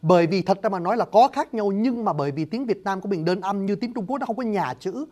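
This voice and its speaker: Fast-talking man lecturing on speech sounds. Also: high-pitched, lively intonation, darkish tone. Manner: addresses listeners formally, demonstrates sounds aloud. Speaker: teacher of Vietnamese phonetics. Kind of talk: spoken lecture to an audience.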